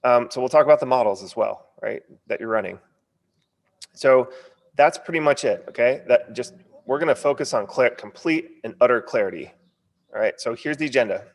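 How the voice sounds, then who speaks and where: A man's voice: mid-range voice, normal speed, gravelly, long reverb tail. An American man coaching a casual sales webinar, punchy and informal, stumbling a little over his words as if his lip is numb from the dentist. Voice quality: stumbling, numb-lipped speech from a partly numb lip. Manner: informal, punchy, frequent check-in tags. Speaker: online course coach.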